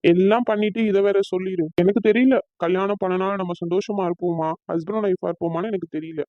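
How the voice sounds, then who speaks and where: A hurt young man in a cartoon, voiced by a performer, pouring out bitter complaints at a fast clip. The recording is dull and lo-fi, with a dry, close sound. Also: mid-range voice, fairly even intonation, no room sound, lightly acted. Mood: resentful. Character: hurt, resentful young man about to marry.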